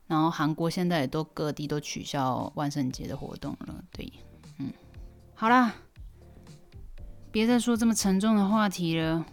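A woman's voice: low voice, normal speed, long pauses, soft background music. A young woman hosting a casual solo podcast. She tells stories expressively, and her voice jumps up when she is surprised. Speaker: podcast host.

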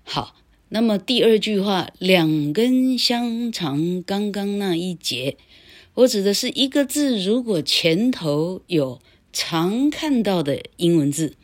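An older woman giving a casual online English lesson. She rambles and tags her phrases with a habitual "ha," and chants rules slowly, syllable by syllable. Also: medium pitch, lively intonation. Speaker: English teacher.

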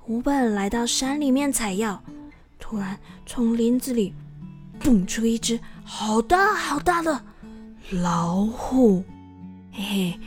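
Woman, taiwanese mandarin accent, lively storyteller, fairly high voice, soft music under. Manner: lively and expressive. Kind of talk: children's story narration.

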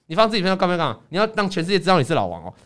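A man hosting a casual chat show, telling stories animatedly and acting out the people in them. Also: racing. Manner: animated, acts out quoted people with big pitch jumps. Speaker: podcast host.

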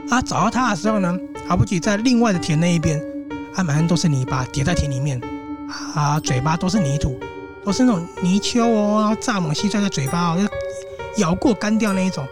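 Casual male host with a Taiwanese Mandarin accent, telling a ghost story in a chatty, animated way, music in the background. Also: high voice, fairly quick. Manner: chatty, animated, with asides to the audience.

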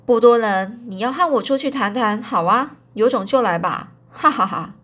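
A woman voicing a calm, fearless young man who speaks with unbothered composure. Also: a little high, normal speed.

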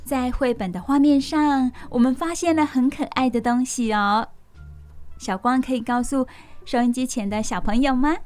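High-voiced woman reading to little children. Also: normal speed, a little mellow, soft background music. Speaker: children's radio storytelling host. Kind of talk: reading a picture book aloud to young children.

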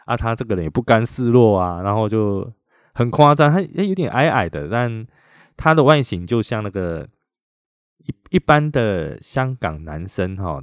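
A man's voice: on the low side, no echo, clean studio sound. A middle-aged man with a Taiwanese Mandarin accent, hosting a podcast and animatedly retelling a personal story in a chatty way. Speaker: podcast host.

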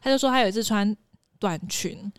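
A woman's voice: mid-range voice, fairly quick, no room sound, clean studio sound. A woman telling a story among friends in a casual guessing game, teasing and laughing often.

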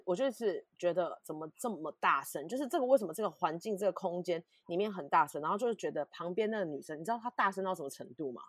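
A woman co-hosting a casual podcast chat, telling stories with animated, emphatic repetition. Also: fairly low pitch, husky, no echo, studio quality. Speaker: podcast co-host.

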